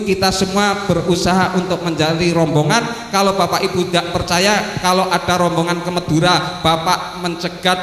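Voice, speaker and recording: A man with a Javanese Indonesian accent preaching a sermon, telling a story and acting out its voices with big jumps in pitch. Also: fairly bright tone. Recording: echoey hall, heavy reverb.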